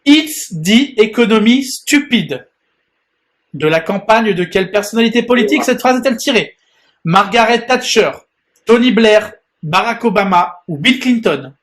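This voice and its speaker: A man's voice: high-pitched, expressive, a bit bright. A man hosting a quiz, reading out questions and multiple-choice answers and joking with the contestant. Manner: reads quiz questions slowly, laughs and teases. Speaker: quiz host. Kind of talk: playful quiz show banter.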